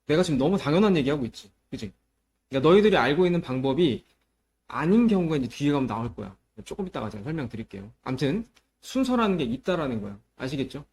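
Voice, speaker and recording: Brief: male math tutor, a bit higher voice, lively swinging delivery, keeps asking "got it?". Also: fast talker. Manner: explains step by step and checks understanding with repeated questions; mixes polite speech with casual speech to students. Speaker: middle school math teacher. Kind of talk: classroom math lesson.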